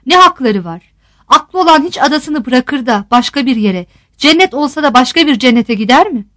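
A woman's voice: high-pitched, animated, moderate pace, a bit bright, no room sound. A woman voicing a fiery old island woman, scornful and defiant. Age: older. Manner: mocking, scolding rhetorical questions.

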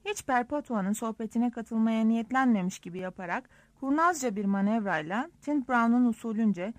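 Female first-person audiobook narrator, wry and lively, slightly high voice, dry close-miked studio sound. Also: moderate pace, no room sound. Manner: lively, wry, self-mocking storytelling.

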